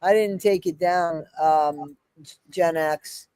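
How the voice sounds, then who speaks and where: A woman's voice: lowish voice, slow pace, mellow, smooth, dry recording. Emphatic woman chatting, close dry sound. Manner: emphatic, repeats phrases for stress. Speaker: video channel creator. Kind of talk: casual live stream chat.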